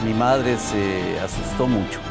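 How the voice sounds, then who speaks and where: A man dubbing an eyewitness who gives a halting recollection in an interview. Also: fairly low pitch, gravelly. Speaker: eyewitness, dubbed. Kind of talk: dubbed interview testimony. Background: loud music.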